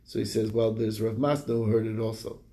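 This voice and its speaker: A man's voice: on the low side, little pitch movement, a little fast, dark tone. A man casually retelling a Talmud story in quoted back-and-forth dialogue, with fillers and restarts. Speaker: Talmud study reviewer.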